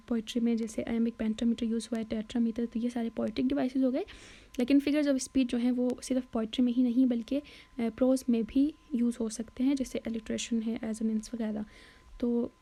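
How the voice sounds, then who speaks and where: A woman tutor walks through a poem in a casual lesson, pausing on fillers and correcting herself as she goes. Her voice sits a little high but sounds very dark and mellow, with a flat, even delivery. She slows right down whenever she reads a quoted line. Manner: hesitant, with frequent fillers and self-corrections. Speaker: literature tutor. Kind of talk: explaining a poem in a Hindi-English lesson.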